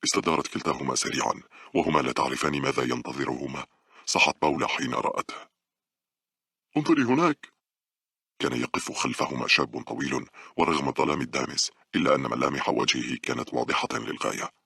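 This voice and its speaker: A man narrating a horror story for an audiobook in a measured, steady storytelling way, close to the mic. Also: rumbling low, gravelly, husky, no echo.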